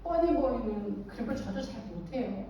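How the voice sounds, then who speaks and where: Animated woman telling stories in an echoey church hall. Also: fairly high pitch, normal speed, dull audio, slight background noise. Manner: lively storytelling, acts out quoted voices, laughs often. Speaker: speaker at a church teacher training. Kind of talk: anecdotal church talk. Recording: very echoey hall, distant mic.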